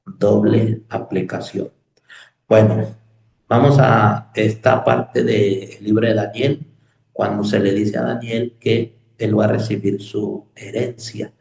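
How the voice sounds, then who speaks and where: A man teaching a Bible study lesson, explaining slowly and repeating key words, with many hesitations. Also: fairly low pitch, gravelly, warm tone, reverberant, low-quality recording.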